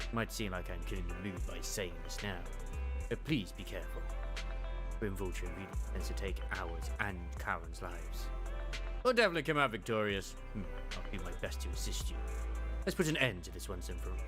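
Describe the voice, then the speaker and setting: A man's voice: low voice, animated, brisk, music in the background. A man giving casual, chatty live commentary as he plays a game, often muttering to himself. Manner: chatty, muttering to himself, sing-song asides. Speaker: gaming streamer.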